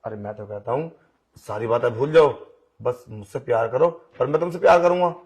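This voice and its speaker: A pushy blind young man in a Hindi audio drama, played by a man, wheedling and coaxing without letting up. His voice sits at an ordinary middle pitch. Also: a little fast, darkish tone, lightly acted. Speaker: voice actor.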